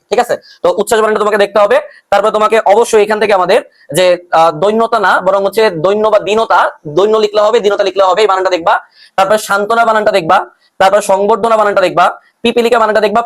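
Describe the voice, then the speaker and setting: A young man teaching a brisk online exam-prep lesson, repeating his points and mixing English words into his speech. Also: high-pitched.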